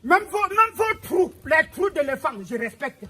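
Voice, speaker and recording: A man's voice: very high-pitched, big pitch swings, a little slow, bright, forceful tone, exaggerated voice. A man playing a pompous, evasive driver who calls himself spokesman of the ancestors, protesting and pleading over and over in a comedy sketch. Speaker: stopped driver. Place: outdoors at a roadside checkpoint.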